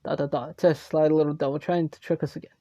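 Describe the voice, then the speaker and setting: A man's voice: on the high side, flat delivery, fast, mellow, no room sound, lightly acted. A man reading as a rude, impatient thug. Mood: annoyed. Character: rude, impatient male thug guarding a door. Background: game music.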